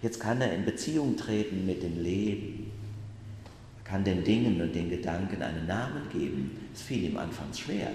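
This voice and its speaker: A man's voice: low voice, lively intonation, moderate pace, mellow, slight background noise. A man preaching as pastor, speaking straight to his listeners and asking them questions. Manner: addresses listeners directly, asks them questions. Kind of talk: sermon about a book. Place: church. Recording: echoey church hall from a distance.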